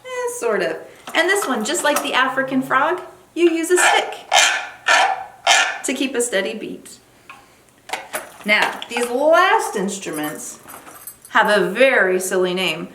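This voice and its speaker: A children's library program presenter leads an interactive lesson for young kids in an encouraging, sing-song kindergarten teacher voice. Her pitch is fairly high, she speaks slowly and pauses often, and the room has a roomy echo with faint background noise.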